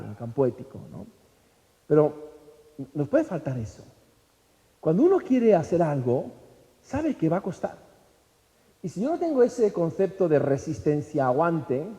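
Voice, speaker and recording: A man giving a relaxed, sermon-style talk and regularly tossing tag questions back at his listeners. His voice is mellow and warm, and his pitch moves expressively through each phrase. A long reverb hangs over everything in a large hall. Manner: conversational, constant tag questions.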